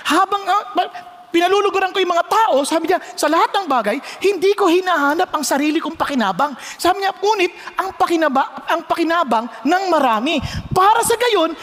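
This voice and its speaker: A pastor with a Filipino accent preaching a sermon, mixing Tagalog and English with sudden loud exclamations. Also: male voice, very high voice, in a large hall.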